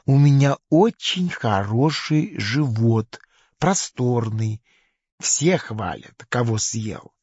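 Audio-play casting: sly, chuckling crocodile, husky and unhurried, faint music behind. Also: male voice, medium pitch, lively intonation, darkish tone, dry recording. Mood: smug teasing. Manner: sly, chuckling, lazy drawl. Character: smug greedy male crocodile. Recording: slightly dull recording.

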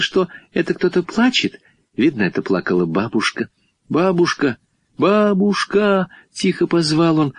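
A man narrating a children's storybook in a lively, expressive reading voice. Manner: expressive, with wide swings in pitch. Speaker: audiobook narrator.

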